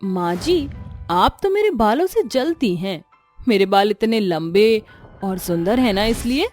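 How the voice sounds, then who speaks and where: A woman voicing a vain, boastful young daughter-in-law who teases her mother-in-law in an animated storybook. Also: medium pitch, unhurried, soft background music, close to an everyday voice. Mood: teasing. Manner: teasing, boastful.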